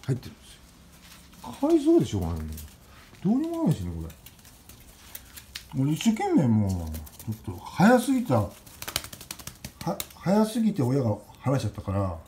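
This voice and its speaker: A man chats about a young pigeon in a rough, casual way, his pitch swinging widely as he coaxes and scolds it. Soft cooing and a faint hiss sit behind him. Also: wildly swooping pitch, normal speed, pauses often. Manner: rough casual speech, coaxing and scolding the bird. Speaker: pigeon keeper. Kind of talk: casual talk to camera and to a pet bird.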